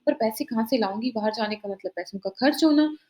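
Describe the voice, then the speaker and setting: A woman's voice: on the high side, fairly quick, warm tone, lightly acted. A woman voicing a greedy, scheming young daughter-in-law who talks sweetly while shifting blame. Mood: sly.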